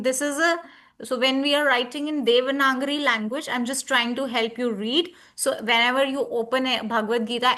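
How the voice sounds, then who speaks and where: A woman leads an online scripture class over a video call, her voice bright and a little high. She talks patiently and reassuringly, breaking pronunciation down step by step for her students. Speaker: Bhagavad Gita class teacher. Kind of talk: online class teaching recitation.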